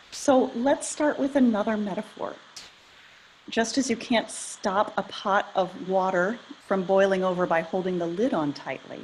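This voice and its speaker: A middle-aged woman leading a guided meditation, talking in a calm, gentle, measured way. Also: mid-range voice, slight background noise. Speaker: meditation leader.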